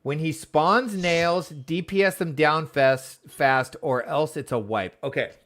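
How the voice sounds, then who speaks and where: A man streaming a game with casual, excitable commentary, reading the dialogue aloud as he plays. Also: fairly high pitch, takes it slowly. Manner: excitable, exclaims and laughs often; reads on-screen dialogue aloud.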